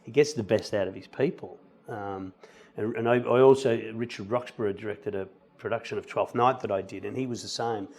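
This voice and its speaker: A middle-aged man talks as a guest in a relaxed interview. He tells anecdotes in an easy, conversational way, slipping into little voices for the people he quotes. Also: on the low side, a little fast. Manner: animated storyteller, acts out quoted lines. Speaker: musical theatre actor, guest. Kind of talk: casual interview chat, telling anecdotes.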